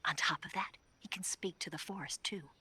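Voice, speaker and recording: Eva, a husky, low-voiced spy. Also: female voice, no room sound, whispered, full character voice. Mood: cautioning. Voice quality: breathy, husky. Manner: hushed, measured, confiding. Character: calm, knowing female spy informant, young adult. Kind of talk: video game radio briefing dialogue.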